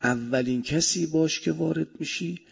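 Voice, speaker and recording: A male preacher with speech delivers a sermon with a gravelly, husky voice. He swings between loud emphasis and soft asides. The recording sounds dull and lo-fi. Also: fairly high pitch.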